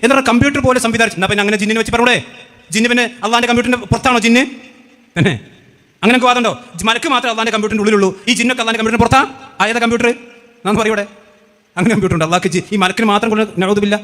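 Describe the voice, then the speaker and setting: A man's voice: very high voice, fairly even intonation, sharp tone. A man giving a heated religious rebuttal, mocking and firing off rhetorical questions. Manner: sarcastic, mocking, rapid-fire questions. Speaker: religious speaker. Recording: echoey hall with long reverb.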